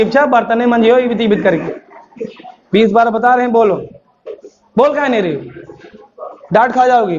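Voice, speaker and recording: A male teacher, giving a live classroom lecture, drilling and coaxing his students and scolding them to repeat aloud. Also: very high voice. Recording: muffled classroom recording with steady noise.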